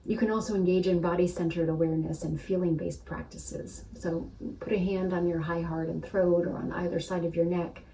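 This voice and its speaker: A woman spiritual teacher leading a gentle guided practice, soothing and unhurried, often checking in with "right?". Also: lowish voice, distant mic, slight background noise, rough recording.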